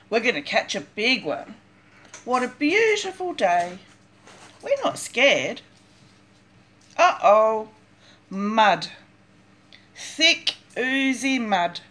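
An older woman reading a picture book aloud for young children in a grandmotherly, deliberate sing-song way with dramatic emphasis. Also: on the high side. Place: small cluttered room at home, indoors.

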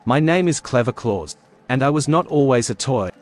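Man playing a slow, menacing theatrical lion villain. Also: mid-range voice, animated, natural voice. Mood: bitter, dramatic. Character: bitter male lion-cub toy, rejected villain. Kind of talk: dramatic cartoon villain monologue.

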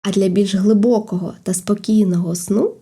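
A woman narrating a children's fairy tale in an expressive, playful storytelling manner. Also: mid-range voice, moderate pace, slightly rough. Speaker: audiobook narrator.

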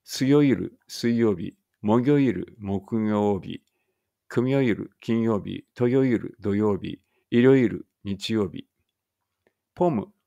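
Slow gravelly man reading word lists. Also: fairly low pitch, dark tone, dull audio. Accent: Ibaraki Japanese. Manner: reads each word then its meaning, with small slips and asides. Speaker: language learner reading vocabulary aloud. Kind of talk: slow read-aloud vocabulary practice.

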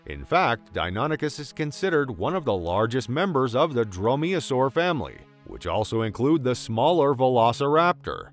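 Nature documentary narrator, male, mid-pitched and lively, dramatic storyteller, light music underneath. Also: normal speed, hardly any pauses. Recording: music behind the voice. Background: background music.

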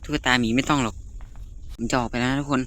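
A man giving excited, chatty commentary to his viewers as he plays a horror game. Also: medium pitch, fast. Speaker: gaming YouTuber. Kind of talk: live gameplay commentary.

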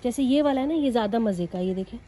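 A young woman talks through her shopping in a relaxed, chatty vlog, switching between Hindi and English. Her voice is mellow and warm. It is caught on a phone held at arm's length inside a big store, with faint noise behind her. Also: a little high, very fast, low-quality recording. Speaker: vlogger. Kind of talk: casual vlog chat. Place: large indoor store.

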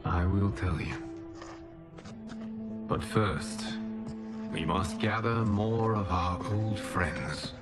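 An actor playing a solemn, wise warrior god and keeper of time in a video game, measured and earnest. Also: male voice, low voice, over loud music. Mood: resolute. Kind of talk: video game cutscene acting.

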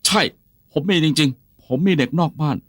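A man's voice: fairly high pitch, normal speed, no room sound, studio quality, lightly acted. A man voicing a flustered, henpecked husband who stammers and pleads while confessing to his wife, for a fan dub of a comedy film. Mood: pleading.

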